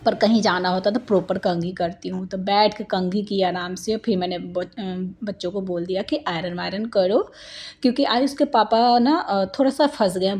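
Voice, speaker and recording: An Indian mother in her thirties narrates her family vlog in a medium-pitched, darkish voice. She's chatty and rambling, full of homely asides.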